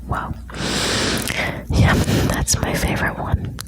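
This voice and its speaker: Slow whispering ASMR woman, close to the ear. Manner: soothing, intimate, addressing the listener. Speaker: ASMR host reading quotes. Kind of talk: ASMR, whispered reading of quotes with chatty asides.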